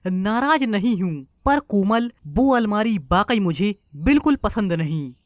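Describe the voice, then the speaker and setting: A woman voicing an irritable, easily frightened young husband in an animated story, demanding and stammering. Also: mid-range voice, a little slow, no echo, studio quality, lightly acted. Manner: demanding, then panicky and stammering.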